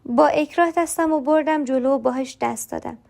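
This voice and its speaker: A woman's voice: high voice, vocal fry, a little mellow. A woman narrating a first-person story in a confiding way, acting out the other people's lines as they come up. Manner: confiding, voices other characters in dialogue.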